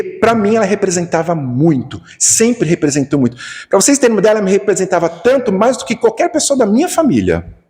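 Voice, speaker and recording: A man with a Brazilian accent gives a Spiritist lecture. He tells personal stories in an animated way and acts out the dialogue. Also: on the high side. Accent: Brazilian Portuguese. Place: Spiritist center lecture hall. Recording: long reverb of a lecture hall.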